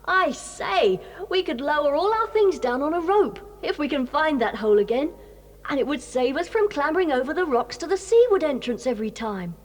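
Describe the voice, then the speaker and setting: A woman voices Julian, a sensible, take-charge boy who bosses and leads the other kids, earnestly, in an audio drama from the 1980s. She speaks at normal speed in a high, sing-song voice, heard off a hissy old cassette.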